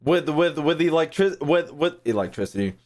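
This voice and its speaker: A man with a slightly high, darkish-toned voice and lively intonation streams games at a moderate pace, reacting casually to his chat. His commentary is slangy and profane, with repeated phrases as he thinks aloud.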